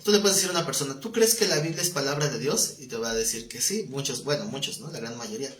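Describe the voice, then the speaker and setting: A man with a mid-range, fairly bright voice teaches a live Bible class at a fast clip, chatting conversationally, quizzing his students and joking with them. The room is echoey, with faint noise.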